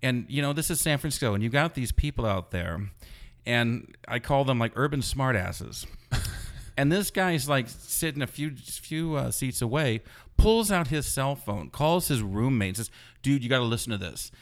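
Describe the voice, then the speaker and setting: Man rambling through an animated anecdote. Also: mid-range voice, unhurried. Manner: rambling, animated retelling full of "you know". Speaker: blogger guest. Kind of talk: casual anecdotal storytelling.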